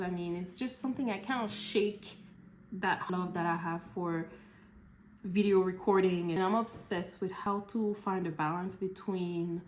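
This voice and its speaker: A young woman from Cameroon answering questions in a relaxed, chatty vlog, laughing between answers. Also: medium pitch, reverberant. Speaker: vlogger. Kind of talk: casual Q&A vlog.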